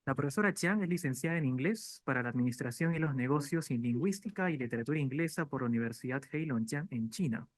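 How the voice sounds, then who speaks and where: Brisk male conference moderator. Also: medium pitch, animated. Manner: brisk, reads bios formally. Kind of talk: formal introductions.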